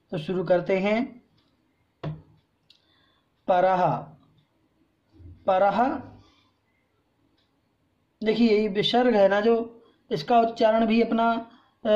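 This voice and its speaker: Slow, patient male scripture teacher. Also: high voice, dark tone, highs cut off. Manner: patient, explains step by step, recites verses slowly. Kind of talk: slow recitation lesson with pronunciation drill.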